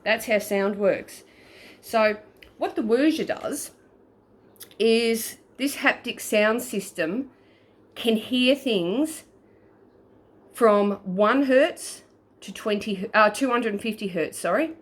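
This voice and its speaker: A woman's voice: fairly high pitch, slow pace, pauses often. A woman, a paranormal investigator, explaining a gadget step by step in a casual video recorded on her phone, often checking in with "okay?". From Australia. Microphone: phone, front camera.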